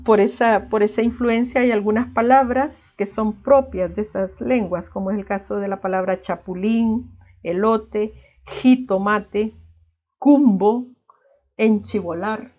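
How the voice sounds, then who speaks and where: Salvadoran woman teacher, mellow and warm tone, explanatory online class with frequent tag questions and "eh" fillers. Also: medium pitch, fairly even intonation, moderate pace. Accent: Salvadoran Spanish.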